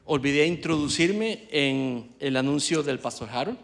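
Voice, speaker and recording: This man's voice is on the high side and expressive, moving at a measured pace with some vocal fry. He is interpreting a sermon into Spanish in real time inside a church sanctuary, full of fillers, hesitations and restarts.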